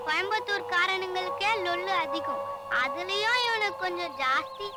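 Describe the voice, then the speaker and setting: An actress playing an excitable young female sidekick, talking quickly and with indignation in a comic film scene. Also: very high voice, loud music behind the voice. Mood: indignant.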